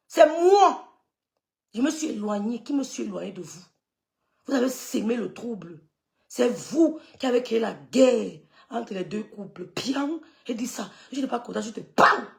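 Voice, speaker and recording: Middle-aged woman with a high, gravelly voice, scolding in a live rant. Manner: scolding, scornful, repeats dismissive sucks of the teeth. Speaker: social media gossip streamer. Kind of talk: heated live-stream rant.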